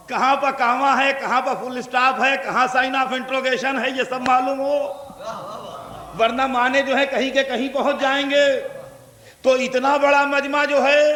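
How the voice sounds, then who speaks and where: A man's voice: extremely high pitch, sharp tone. A man with a Lucknow Urdu accent delivering a religious sermon to a large gathering, explaining with repeated examples and asking the audience questions. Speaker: preacher delivering a majlis. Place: large hall before a gathering. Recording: echoey hall recording, 1982 tape.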